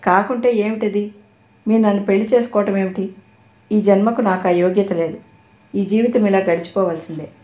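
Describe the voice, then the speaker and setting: A resigned, grieving woman defends her choices with quiet pride, as a female reader voices her in an audio novel. Her voice is mellow and warm. The recording has a roomy echo. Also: medium pitch, fairly even intonation, moderate pace, lightly acted. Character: grieving unmarried woman, dutiful and proud.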